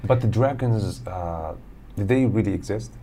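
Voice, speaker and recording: A man's voice: fairly low pitch, a little slow, mellow. A man hosting a podcast, asking questions in casual conversation, often repeating words as he starts. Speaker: podcast host.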